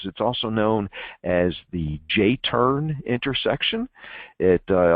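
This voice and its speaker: A lower-voiced man giving a technical talk in a plain, explaining tone. He fills his pauses with "uh" and slips in self-deprecating jokes. The sound is dry and thin, like a phone line. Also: dry recording. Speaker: presenter. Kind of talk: technical presentation.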